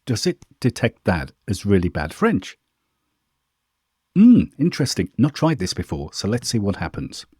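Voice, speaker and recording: A man hosting a casual question-and-answer video, chatting informally and thinking aloud while he demonstrates software. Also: on the low side, huge pitch swings, normal speed, breathy edge, no echo, clean studio sound. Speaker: host answering viewer questions. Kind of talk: casual screen-share walkthrough.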